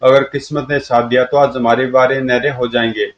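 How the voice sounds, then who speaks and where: A man's voice: mid-range voice, little pitch movement, fairly quick, natural voice. Guy reading as a mean bandit boss, gloating and threatening, kinda muffled lo-fi sound. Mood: recounting. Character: brutal male bandit chief, menacing.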